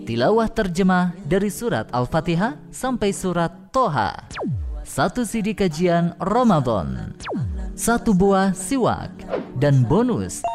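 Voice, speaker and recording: Male radio ad announcer over music. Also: high voice. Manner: smooth promotional delivery over music. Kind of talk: scripted radio ad read. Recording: music bed under voice.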